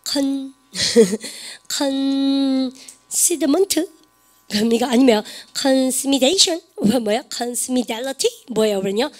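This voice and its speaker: High-voiced woman teaching English grammar. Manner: lively, quizzing students with rapid questions. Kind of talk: online grammar lecture.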